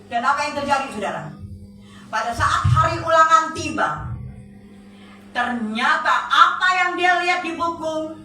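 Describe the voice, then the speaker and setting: A woman's voice: high-pitched, animated, unhurried, pauses often, pushed and bright. A woman preacher telling a story in a sermon, often turning to address her congregation directly. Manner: storytelling, often addressing listeners as brothers and sisters. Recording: echoey hall, distant mic, faint music.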